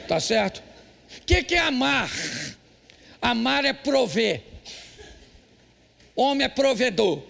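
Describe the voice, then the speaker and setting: Gravelly high-voiced Brazilian pastor. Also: male voice, sing-song, slow, long pauses, a bit bright. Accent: Brazilian Portuguese. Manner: joking, teasing, addresses husbands bluntly. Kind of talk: humorous sermon with storytelling. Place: church service.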